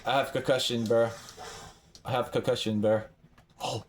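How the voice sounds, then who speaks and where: A young man giving excitable live commentary while playing a game, swinging from hushed mumbling to yelling. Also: medium pitch, moderate pace. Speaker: gamer.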